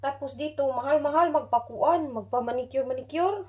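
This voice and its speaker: A woman's voice: sits high, brisk. A middle-aged Filipino woman with a Filipino accent, chatting casually in a home vlog and telling stories while switching between languages. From Philippines. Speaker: vlogger.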